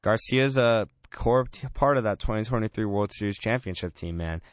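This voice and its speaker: A man hosting a casual sports talk show on college radio, chatty and relaxed, often saying "man" and "I mean". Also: fairly low pitch, normal speed, smooth, dry recording.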